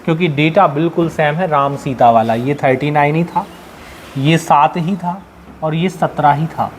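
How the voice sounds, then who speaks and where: A man's voice: on the high side, moderate pace, slight background noise. A male teacher from central India giving a classroom lecture, explaining step by step with everyday examples and constantly asking his students questions.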